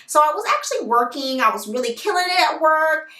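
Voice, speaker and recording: A woman vlogger telling her story to viewers in a chatty, animated way, talking straight to them. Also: high voice, brisk, recorded from a distance. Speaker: hair care vlogger. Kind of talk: casual storytelling to camera. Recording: roomy echo, voice set back from the mic.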